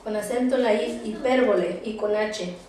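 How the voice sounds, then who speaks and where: A woman teaching a Bible class, speaking haltingly, repeating words and often checking in with her listeners. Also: mid-range voice, fairly even intonation, a little mellow. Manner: halting, repeats words, tags phrases with "¿verdad?"; spells words out slowly for note-taking. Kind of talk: Bible study lecture. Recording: very echoey room, distant mic.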